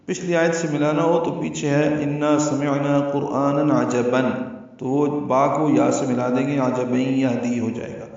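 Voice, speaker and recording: A man's voice: medium pitch, little pitch movement, vocal fry, a little mellow. Man, recitation teacher, explains rules step by step, very echoey distant recording. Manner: explains rules step by step, then chants verses slowly. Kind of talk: tajweed lesson with recitation. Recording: echoey, distant, slightly dull sound.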